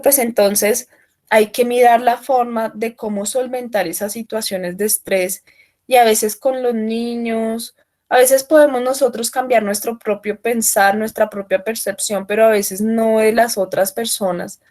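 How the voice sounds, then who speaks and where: A woman leads an online training session, speaking up loudly so remote listeners can hear her. Her voice sits a little higher than most, and she explains things patiently, often pausing to check that everyone follows. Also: fairly even intonation. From Colombia. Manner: explanatory, asks frequent check-in questions. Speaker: workshop trainer.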